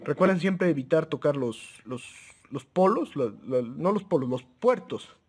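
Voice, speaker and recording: A man presents a gadget review video outdoors, speaking casually and informally with slight background noise. His voice is on the high side, expressive, and a little slow, and he sounds hesitant, often repeating or correcting himself.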